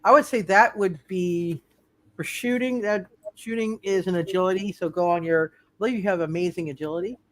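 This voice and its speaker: A game master runs a live tabletop superhero roleplay in a mid-range voice. He speaks haltingly and keeps repeating words and phrases.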